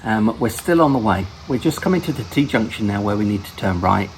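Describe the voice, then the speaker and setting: A man hosting his own gaming channel, giving relaxed gameplay commentary and often correcting himself mid-sentence. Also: fairly low pitch, a little fast, a little hiss or hum, low-quality recording.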